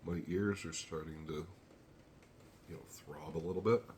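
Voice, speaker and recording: A man reviewing a hot pepper on his own channel, talking slowly and thinking aloud between pauses while teary and sniffly from the heat. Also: low voice, fairly even intonation, a little mellow, slight background noise. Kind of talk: casual solo tasting review.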